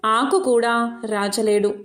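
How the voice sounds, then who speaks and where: A woman's voice: on the high side, fairly even intonation, slow. Woman voicing a boastful proud tree. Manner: loud, boasting. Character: boastful proud old silk-cotton tree. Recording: roomy echo.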